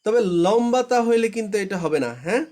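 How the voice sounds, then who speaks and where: High-voiced man teaching Quran reading patiently. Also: animated, quick pace, darkish tone. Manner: patient, repetitive, often checks understanding. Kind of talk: live online class instruction. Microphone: online live class.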